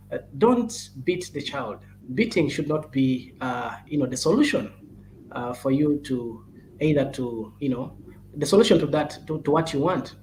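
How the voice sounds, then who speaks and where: A man's voice: fairly high pitch, slight background noise, poor audio. A man, speaking as a child-protection advocate. He halts often on "uh", restarts his phrases, and urges parents and caregivers earnestly. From Uganda. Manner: halting and repetitive, with many "uh"s and restarts, urging earnestly.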